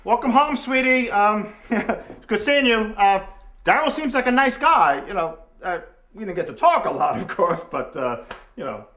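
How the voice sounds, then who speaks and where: Man acting out a blustering middle-aged father, excitable, rambling, voice swooping up and down, stage comedy. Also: on the high side, normal speed.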